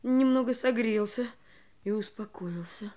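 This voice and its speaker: A woman's voice: on the high side, measured pace, warm tone, lightly acted. A woman playing a small, polite lost boy trying to be brave in a children's audio drama. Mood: relieved.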